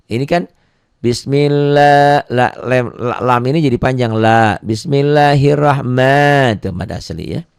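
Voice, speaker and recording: Brief: male tutor, low voice, dry close sound, patient repetitive beginner recitation lesson. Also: dry recording. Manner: patient, repeats points and asks then answers his own questions; chants Quranic phrases slowly and loudly between plain explanations. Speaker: Quran reading teacher.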